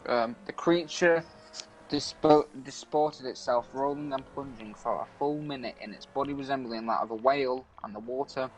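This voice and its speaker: A man of middling pitch reads a spooky article aloud, tripping over words and restarting sentences. He breaks off now and then to react to the video game he is playing. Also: a little hiss or hum, poor audio. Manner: halting reading with frequent stumbles and restarts. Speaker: podcast co-host. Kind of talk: reading urban legends aloud while playing a video game.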